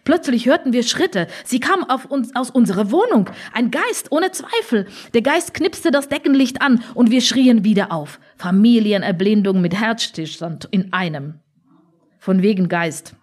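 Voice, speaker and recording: Husky-voiced woman narrating a story. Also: fairly high pitch, moderate pace. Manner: expressive storytelling, dry humor. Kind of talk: scripted audiobook narration.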